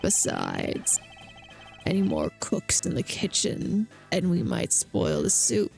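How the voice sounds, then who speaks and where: A woman voicing a cocky, dismissive male agent in a video game, with cool, condescending, drawn-out delivery. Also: on the low side, wildly swooping pitch, vocal fry, a little mellow, soft background music, pitched below the performer's own voice, heavily acted. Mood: smug. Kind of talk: acted video game dialogue read-aloud.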